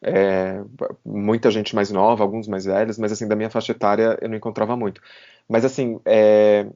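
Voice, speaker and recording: A man in his thirties hosts a podcast, thinking aloud in a reflective, hesitant casual chat where he often repeats words and restarts. His warm voice sits on the low side with little pitch movement, at a moderate pace. The podcast audio is slightly dull.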